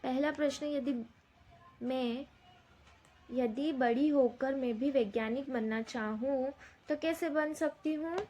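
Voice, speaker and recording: A woman teacher, slowly dictating answers word by word to young schoolchildren, repeating each question. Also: sits high, warm tone, slight background noise. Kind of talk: slow dictated Hindi lesson for young children.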